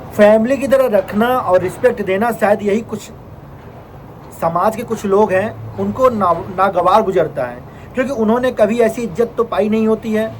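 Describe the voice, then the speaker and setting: Male vlogger, high voice, earnest rhetorical tone, faint hiss behind. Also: poor audio. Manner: earnest, indignant rhetorical questions. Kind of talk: casual vlog monologue.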